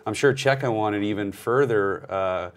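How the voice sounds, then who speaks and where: A man with a fairly low voice speaks as a guest rugby coach. His views come out firm and plain, in an easy conversational tone. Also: moderate pace. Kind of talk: casual sports chat.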